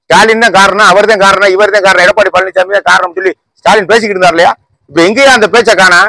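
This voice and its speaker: A man, a political YouTuber, giving a heated rant to camera in a combative voice full of rapid rhetorical questions. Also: high voice, steady tone, gravelly, sharp tone, no echo, poor audio. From Tamil Nadu.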